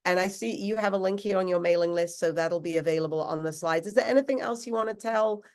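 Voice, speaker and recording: A congested woman hosting a webinar, chatting warmly and effusively with her guest. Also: lowish voice, fast talker. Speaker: webinar host. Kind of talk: casual webinar chat.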